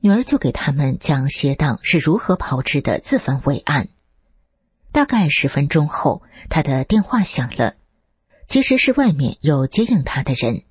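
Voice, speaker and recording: A woman reading a first-person account as scripted narration, lifting her pitch for quoted speech. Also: sing-song, moderate pace, breathy edge, no echo. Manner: reads steadily, lifts the pitch for quoted speech.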